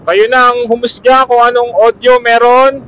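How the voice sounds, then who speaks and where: Riding a motorcycle down an outdoor road, a man with a Filipino accent casually talks to fellow riders while reviewing gear for his motovlog. His voice is extremely high and fairly bright, delivered flatly at normal speed. The recording comes from a helmet intercom used as an external camera mic, muffled and dull over Bluetooth.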